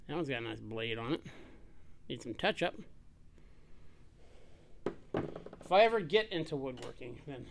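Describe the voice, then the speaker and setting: A man in a workshop casually showing tools he bought, speaking plainly and trailing off quietly at the ends of thoughts. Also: on the high side, creaky, a little hiss or hum. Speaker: shop owner showing a tool haul. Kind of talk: casual show-and-tell narration. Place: workshop bench.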